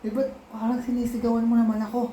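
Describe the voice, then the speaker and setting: A father in a casual home video, patiently coaxing and gently scolding his young child, repeating his questions over and over. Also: extremely high pitch, level tone, fast talker, roomy sound, slight background noise, low-quality recording. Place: home, indoors.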